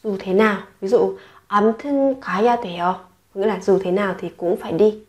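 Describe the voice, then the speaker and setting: A woman's voice: medium pitch, steady tone, fast talker. A woman teaching Korean slang to learners in the second person, saying each word several times before explaining it. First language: Vietnamese.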